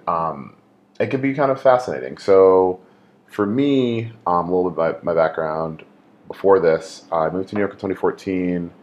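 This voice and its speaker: A man's voice: low voice, lo-fi sound. A man who is a photographer, a guest on a podcast, talking in a laid-back, joking way with many fillers. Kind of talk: casual conversation. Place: his home in Brooklyn.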